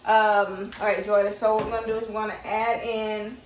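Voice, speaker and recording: She speaks briskly in a flat, mid-range voice, audibly through braces, as she walks through a casual kitchen demonstration and thinks aloud. A home cooking vlogger, she's recorded in a roomy space by a distant mic, with faint noise behind her.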